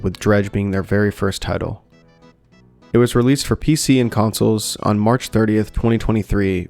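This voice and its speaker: A young man narrates a video game review from a script at his home mic, steady and dry with the odd light joke. His voice sits low. Soft music plays beneath him. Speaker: gaming YouTuber. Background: soft background music.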